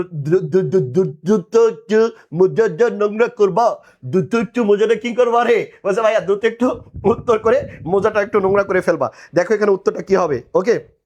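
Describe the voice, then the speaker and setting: A young man teaches an online admission class, drilling answers and teasing students. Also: sits high. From Bangladesh. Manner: drilling call-and-response, repeating answers.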